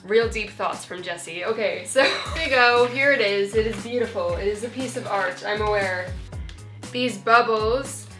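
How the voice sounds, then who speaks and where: A woman's voice: mid-range voice, moderate pace, fairly bright tone, roomy sound, soft background music. Bubbly giggly young woman vlogger. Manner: bubbly, giggly, self-mocking. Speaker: YouTuber. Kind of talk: upbeat haul vlog.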